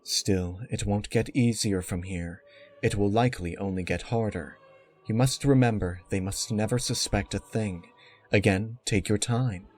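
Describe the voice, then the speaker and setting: A man's voice: fairly low pitch, unhurried, darkish tone, lightly acted. Man voicing Princess Celestia, imperious schemer. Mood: cool approval. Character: regal pony princess, cold scheming villain mentor.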